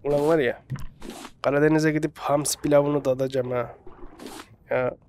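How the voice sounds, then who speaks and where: A man hosting a gaming channel, giving casual let's-play commentary, chatty, talking to the items he picks up, with sudden excited yelps. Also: on the high side, normal speed, a little hiss or hum.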